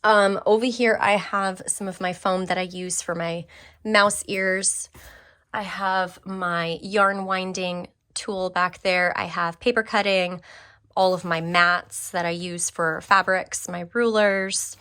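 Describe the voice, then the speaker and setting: A woman's voice: fairly low pitch, fairly even intonation, slow, sharp tone, smooth. Chatty young woman giving a room tour. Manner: chatty, enthusiastic, many fillers and restarts. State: briefly out of breath. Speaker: craft vlogger. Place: home craft room.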